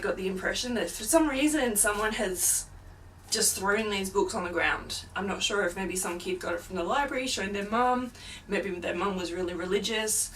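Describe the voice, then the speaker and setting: A woman's voice: medium pitch, fairly bright tone. A young woman chatting casually and rambling in a home vlog, with lots of fillers. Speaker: paranormal YouTuber. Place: home, with a film playing in the next room. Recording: distant mic, faint background noise. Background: faint noise of a film playing in another room.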